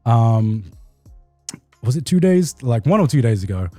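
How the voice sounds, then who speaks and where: A man chatting casually as he tells an anecdote, informal and quick to swear. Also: mid-range voice, sing-song, mellow, dry recording, faint music behind. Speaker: show host who cast an anime. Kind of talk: casual chat, telling an anecdote.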